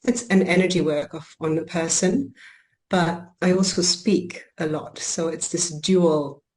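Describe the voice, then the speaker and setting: In a podcast interview, a woman raised in Germany describes her work as a coach and healer. Her voice is slightly low for a woman, with a darkish tone, and she speaks reflectively, pausing on ums and restarting phrases.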